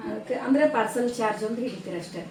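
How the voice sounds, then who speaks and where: Woman, North Karnataka Kannada accent, casual vlog, chatty, high voice, echoey room. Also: racing. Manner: chatty, asks prices, addresses viewers directly. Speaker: vlogger. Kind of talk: casual vlog chat and shop visit. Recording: echoey room, mic at a distance, faint noise.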